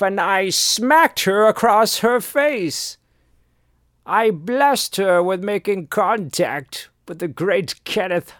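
Pompous aristocratic radio host, played by a man, slow haughty drawl, pitch swooping wide, dry close sound. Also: no room sound. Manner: haughty, affected posh drawl. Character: pompous snobbish upper-class male radio host. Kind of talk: comedic character monologue.

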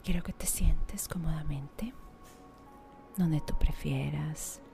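A woman guiding a meditation in a soft, half-whispered, slow and soothing way. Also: low voice, steady tone, vocal fry. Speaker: meditation guide. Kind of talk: guided meditation. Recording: music playing behind.

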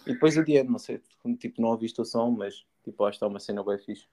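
A man's voice: fairly low pitch, rapid-fire, mellow. A young man chatting casually in an enthusiastic, slangy way. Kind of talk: casual chat.

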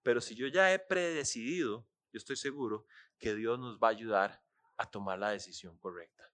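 A man preaching a sermon, animated and asking listeners questions. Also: mid-range voice, normal speed. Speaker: pastor.

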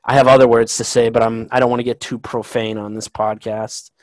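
A man chats on a podcast as an eager fan, tumbling through explanations and restarting his sentences. His voice sits at a middle pitch. The recording is dry and close, with no room sound. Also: fairly quick, dry recording, rough recording. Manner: rambling, excitable fan talk with many restarts. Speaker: podcast co-host. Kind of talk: casual chat.

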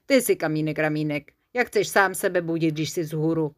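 A woman voicing an excitable little male forest creature in a children's storybook, with a bouncy, squeaky way of talking. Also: dry recording, clean studio sound, close to an everyday voice. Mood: arguing. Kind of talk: storybook character voice.

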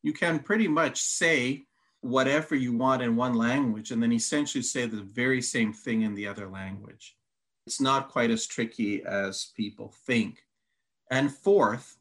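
A man with a medium, slightly bright voice, a native Hungarian speaker who teaches the Bible. In a teaching conversation he methodically reads long quotes aloud and counts off his answers point by point.

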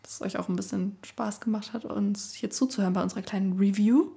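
A young woman co-hosts a casual podcast in a medium-pitched voice. She talks in a colloquial, chatty way and is quick to joke and laugh. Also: fairly even intonation, vocal fry, mellow. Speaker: podcast co-host.

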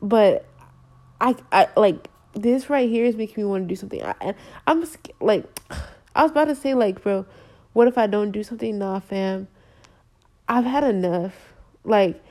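Young woman vlogger, exasperated and emphatic, warm low-key timbre. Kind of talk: frustrated casual rant.

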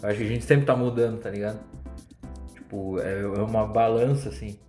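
A man's voice: fairly low pitch, fairly even intonation, fairly quick, mellow, roomy sound, faint music behind. A young man chatting casually on a podcast, telling stories in a laid-back, slangy way. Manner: laid-back slangy storytelling, laughs at his own stories.

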